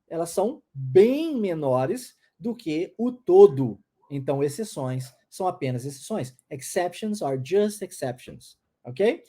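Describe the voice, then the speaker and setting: Lively mellow teacher. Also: medium pitch. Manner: explains step by step and models phrases for listeners to repeat. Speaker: English teacher. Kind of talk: online English pronunciation lesson.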